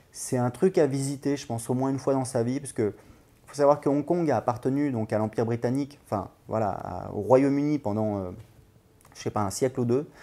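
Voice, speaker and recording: A man's voice: medium pitch, dark tone. A man hosting a language-learning channel, talking casually and enthusiastically, with many hesitations and fillers. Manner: rambling, full of hesitations and fillers; enthusiastic, recommending. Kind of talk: casual vlog talk.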